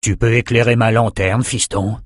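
A man's voice: fairly low pitch, fairly even intonation, normal speed, dry recording, natural voice. A man voicing an old male wizard in an audiobook, making dry, understated remarks. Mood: wry.

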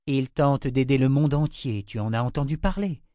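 A man reading the part of a gentle mother who calmly reassures her young daughter. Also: mid-range voice, normal speed, no room sound, studio quality, close to an everyday voice. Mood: soothing. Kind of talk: audiobook character reading.

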